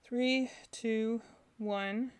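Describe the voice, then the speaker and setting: A woman streamer reacts to game videos, rambling without a script and thinking aloud through each opinion. Her voice is slightly high, steady and clean, and she speaks very slowly.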